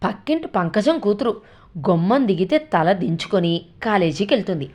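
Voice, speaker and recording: A woman voicing a sharp-tongued, nagging old grandmother in a read-aloud story, scolding and grumbling. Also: mid-range voice, sing-song, normal speed. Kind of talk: storytelling with character voices.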